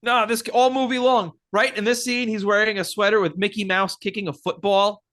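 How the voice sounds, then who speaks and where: A man co-hosts a podcast, wryly nitpicking movie details between laughs. His voice is high and bright, with a sharp edge. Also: flat delivery, fairly quick. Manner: wry, nitpicky, points out film details and laughs. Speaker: podcast co-host. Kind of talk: casual film-recap chat.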